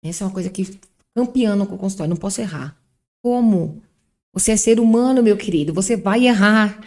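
A woman speaks as a psychologist guest in a podcast interview. She explains patiently, often answering her own rhetorical questions. Her voice is warm and mellow, at a middle pitch. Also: fairly quick.

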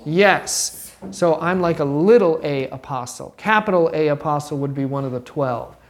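A middle-aged woman with a low voice teaches a catechism class to children at a moderate pace. In this classroom Bible lesson, she patiently asks questions and prompts the children's answers.

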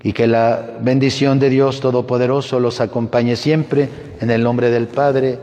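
Priest praying in long cathedral echo. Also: male voice, medium pitch, level tone, warm tone. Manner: solemn, measured delivery to a congregation. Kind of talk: liturgical prayer and blessing. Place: large church.

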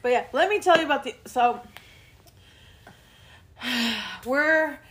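High-pitched laughing woman co-host. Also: lively intonation, slow pace, fairly bright tone. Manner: laughs often, swears freely, mimics voices. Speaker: podcast co-host. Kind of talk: casual late-night chat.

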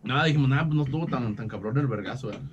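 A man with a Mexican accent telling a profane, animated story on a podcast, laughing often. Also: mid-range voice, racing, dull audio, background noise. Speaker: podcast host. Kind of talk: casual storytelling chat.

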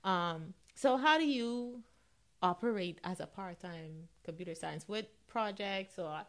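A radio show host interviews a guest in a casual, conversational style, frequently murmuring agreement while she listens. Her voice is mid-range and unhurried.

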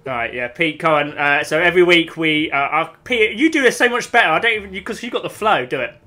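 A man's voice: fairly high pitch, fast talker, pushed and bright. A man co-hosting a podcast, trading brash, mock-threatening trash talk in casual banter. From United Kingdom. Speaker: podcast co-host.

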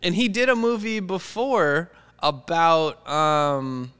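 A man's voice: fairly high pitch, takes it slowly, fairly bright tone, smooth. A man chatting casually about sports as a podcast co-host, recorded in a reverberant room.

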